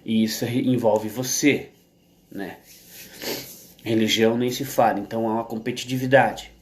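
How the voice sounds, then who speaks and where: A man with a Brazilian Portuguese accent, vlogging to camera in a casual monologue, rambling with many restarts and tag questions at an unhurried pace. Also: fairly low pitch, fairly even intonation.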